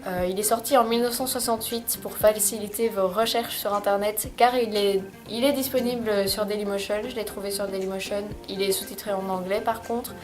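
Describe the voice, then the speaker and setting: A woman's voice: mid-range voice, steady tone, brisk, hardly any pauses, over music. A young woman, chatting casually in a recommendations vlog, hesitant, with many fillers and restarts. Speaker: vlogger. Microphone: camcorder microphone.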